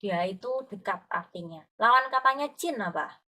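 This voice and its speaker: A woman's voice: medium pitch, expressive, moderate pace, sharp tone. A woman tutoring Mandarin, explaining patiently and often checking that her student follows. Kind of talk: online language lesson.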